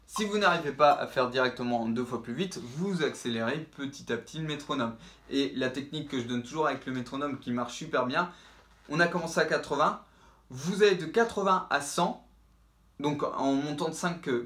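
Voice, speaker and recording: A man's voice: a little high, a bit bright, roomy sound. A man teaching trombone in an instructional video, explaining patiently and speaking the tonguing syllables aloud as he demonstrates.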